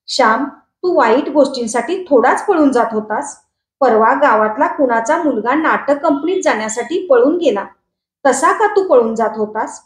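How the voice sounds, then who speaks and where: A woman voicing a gentle, devout mother who speaks tenderly to her son, read aloud from a storybook. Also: sits high. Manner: tender, soothing. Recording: echoey room.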